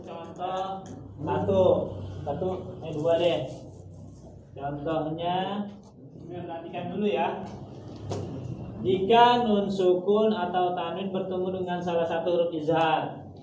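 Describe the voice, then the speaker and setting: Man, high voice, slow unhurried teacher, patient repetition, chanted examples, distant mic, echoey noisy room. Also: steady tone. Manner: patient, repeats rules and drills syllables; chants example words slowly, drawn out. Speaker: Quran recitation teacher. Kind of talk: informal classroom teaching. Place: gathering room with students.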